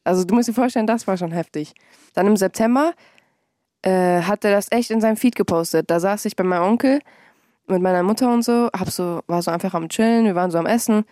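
A young adult woman who is a musician chats casually as an interview guest, animated and quick to laugh, putting on a higher voice when acting out quotes. The sound is studio quality with no echo.

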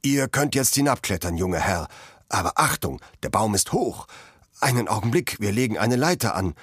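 A man voicing an older male tenant farmer who calls out loudly in a radio reading. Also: on the low side, sing-song, normal speed, breathy edge, dry recording, studio quality, heavily acted. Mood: coaxing. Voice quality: loud, calling out.

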